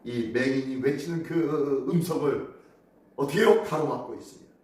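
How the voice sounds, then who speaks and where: A man preaching a dawn sermon as pastor, animated and asking the congregation questions, recorded by a phone camera from a distance. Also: mid-range voice, normal speed, a little hiss or hum. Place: church sanctuary. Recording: echoey room from far off.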